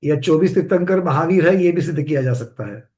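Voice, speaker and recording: A man's voice: a little high, expressive, fairly quick, a little mellow. A man in a scripture class who respectfully asks questions and restates ideas to check his understanding. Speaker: student asking questions. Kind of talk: question-and-answer discussion.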